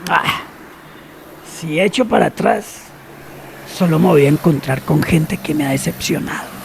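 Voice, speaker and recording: The same radio-drama actor voices a secretive, cynical older man, talking with slow, knowing deliberation and dropping almost to a whisper. The tone is sly, his voice slightly high and creaky, over a bit of background noise.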